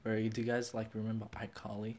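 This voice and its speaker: A young man hosting a casual podcast chat with friends, excitable, teasing and quick to swear and laugh. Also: fairly low pitch. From Australia. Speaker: podcast host.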